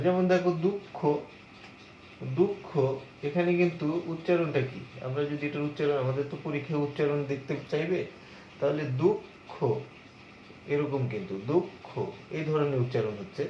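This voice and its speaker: A slightly high-voiced man gives a lecture and explains each point step by step, answering the questions he asks himself. The sound is muffled and echoes around the room, with a faint hiss behind it. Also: mellow. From Bangladesh. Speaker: college lecturer. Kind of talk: lecture on pronunciation.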